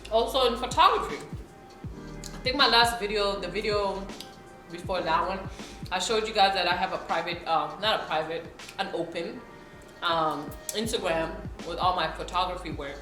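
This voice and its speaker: A young South Sudanese woman vlogs while eating, chatting casually to the camera and often checking in with her viewers. Her fairly low voice is bright and pushed, at a normal speed, in a roomy space with faint background music.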